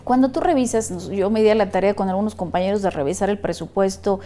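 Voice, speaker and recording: A woman, a panel guest speaking in a measured, conciliatory way with frequent restarts. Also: mid-range voice, warm tone, slight background noise. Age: 50s. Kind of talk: studio panel discussion.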